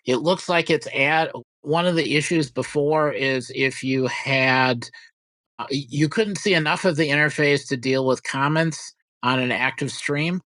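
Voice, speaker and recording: A man's voice: on the high side, unhurried, bright, forceful tone, no echo. A man co-hosting a casual tech podcast, making dry, wry asides. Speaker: podcast co-host.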